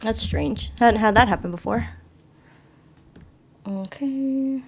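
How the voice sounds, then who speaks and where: A woman's voice: fairly high pitch, takes it slowly, slightly rough. A woman live streaming from her phone with a plugged-in mic, chatting apologetically with viewers and reading a story game aloud. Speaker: livestreamer.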